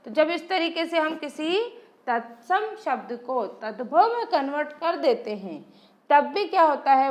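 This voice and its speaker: Woman teacher, high and animated pitch, slow unhurried delivery, asks and answers her own questions. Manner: asks rhetorical questions and answers them herself; drawn-out, sung examples when calling out sounds. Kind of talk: exam-prep lesson.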